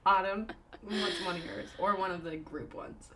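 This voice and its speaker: Young woman, podcast co-host, candid casual storyteller, mid pitch, faint background hiss. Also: steady tone, moderate pace, bright, forceful tone. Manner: candid, laughs often, swears casually. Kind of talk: casual chat.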